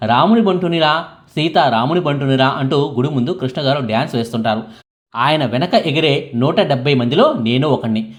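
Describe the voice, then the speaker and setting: A man narrating a first-person life story as scripted biography narration, acting out the quoted lines dramatically. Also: mid-range voice.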